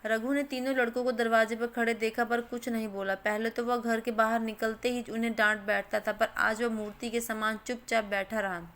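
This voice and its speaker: A woman reads a classic short story aloud in a steady, measured narration. Her voice sits slightly above the middle for a woman. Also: on the high side. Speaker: story reader.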